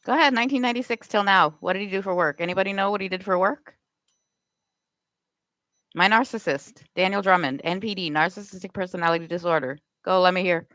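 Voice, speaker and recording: A woman's voice: fairly low pitch, fast talker, a bit bright, dry recording, low-quality recording. A Canadian woman live streaming, firing off accusatory rhetorical questions in a confrontational rant.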